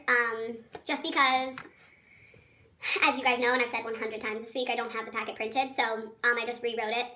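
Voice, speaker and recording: A woman teacher speaks in a very high, squeaky chipmunk voice, as if on helium. The tone is bright and sharp. She guides a children's video lesson in a chatty, encouraging, informal way. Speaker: elementary school teacher.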